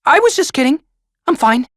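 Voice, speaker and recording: An actor playing a cheerful, naive boy angel hero in a video game, earnest and excitable. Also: very high voice, heavily acted.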